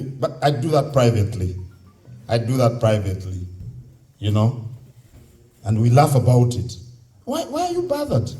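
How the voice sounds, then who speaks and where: Ugandan-accented man with animated, swooping delivery. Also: on the high side. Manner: exhorting, repeats key phrases, asks rhetorical questions. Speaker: speaker at a youth convention. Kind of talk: motivational public speech. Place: live on stage at a convention.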